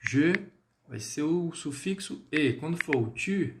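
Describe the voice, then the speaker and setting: A man's voice: fairly high pitch, lively intonation, takes it slowly, reverberant, noisy background. A Brazilian man teaching French in a live online lesson. He explains patiently and keeps checking in with his viewers. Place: indoor room, livestream.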